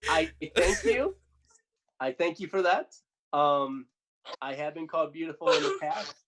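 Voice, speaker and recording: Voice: mid-range voice, wildly swooping pitch, measured pace, noisy background. Someone playing smug Peppa Pig. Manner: bluffing, rambling, full of ums and restarts. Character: cheeky young girl cartoon pig, smug and self-important. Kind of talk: improvised mock press conference.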